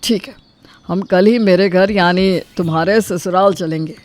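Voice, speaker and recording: A woman voicing an agreeable young husband in an animated storybook, with a mild, easygoing manner. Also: lowish voice, measured pace, natural voice. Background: faint music.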